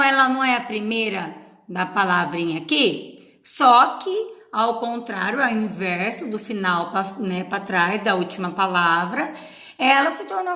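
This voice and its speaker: Middle-aged woman teacher with a Paraná accent, slow and bright, echoey room. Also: fairly high pitch. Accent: Brazilian Portuguese from Paraná. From Paraná, Brazil. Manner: patient, drawn-out syllables, frequent "tá?". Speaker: schoolteacher. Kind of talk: recorded remote class for children.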